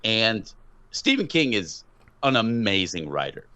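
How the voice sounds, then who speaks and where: A man's voice: lowish voice, sing-song, a little slow, pushed and bright, clear, resonant tone, no echo. A man hosting a podcast, chatting casually, rambling with fillers and frequent laughs. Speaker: podcast host. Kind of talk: casual chat.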